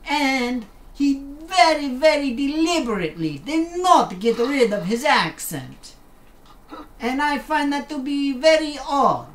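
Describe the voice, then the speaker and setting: This gaming streamer's high voice is very animated, and she takes her time. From her home desk she gives casual live commentary, joking around, experimenting with put-on accents, and responding to the game, while a faint hum fills the roomy recording.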